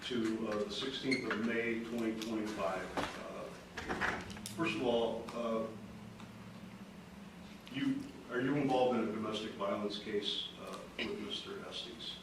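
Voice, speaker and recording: A man cross-examines a witness in a courtroom, pressing and repeating her answers back to her with "uh" pauses between questions. He sounds far from the mic in a heavily echoing room. A clear hiss of noise runs under his voice. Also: on the low side, fairly even intonation. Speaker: prosecutor. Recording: echoey courtroom audio from far off, noisy.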